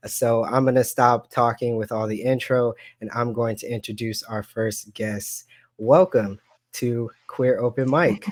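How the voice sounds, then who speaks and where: A man hosting a radio interview show, upbeat and affirming, quick with small reactions and laughs. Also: medium pitch, fairly even intonation, no room sound.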